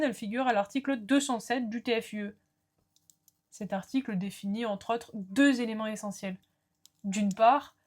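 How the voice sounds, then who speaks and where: A woman giving a recorded law lecture, explaining terms clearly and speaking to students in short asides. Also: a little high.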